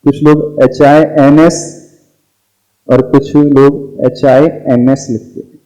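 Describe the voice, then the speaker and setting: A man's voice: mid-range voice, flat delivery, mellow, lo-fi sound. A man teaching the pronunciation of Sanskrit verses, patiently asking his listeners questions as he goes. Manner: slow, patient teacher who quizzes listeners. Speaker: Jain monk teaching recitation. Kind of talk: pronunciation lesson.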